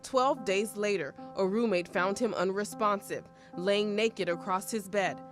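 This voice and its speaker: A woman TV news reporter voices the narration of a news package. Her delivery is measured and clear, and her pitch sits at an ordinary middle height for a woman. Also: soft background music.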